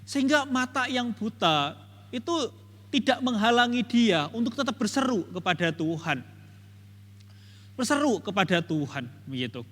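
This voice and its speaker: A man's voice: sits high, big pitch swings, moderate pace, fairly bright tone, in a large hall. A man teaching a Bible study, retelling the story emphatically and repetitively and addressing his listeners directly. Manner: repetitive, emphatic retelling with many "begitu ya" tags. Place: church hall.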